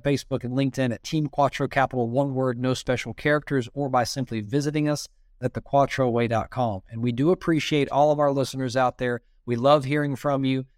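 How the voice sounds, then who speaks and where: A man's voice: mid-range voice, smooth, dry recording, clean studio sound. A man with a Southern US accent hosting a podcast interview in a loose, chatty way, full of "you know" fillers. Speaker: podcast host. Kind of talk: casual interview chat.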